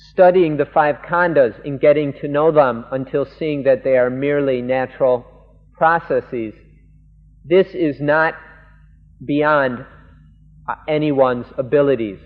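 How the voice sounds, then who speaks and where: A man, a monk, interpreting a Buddhist sermon live, speaking earnestly in halting phrases. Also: medium pitch. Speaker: monk interpreter of a Dhamma talk. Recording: lo-fi 1980s tape in a reverberant hall.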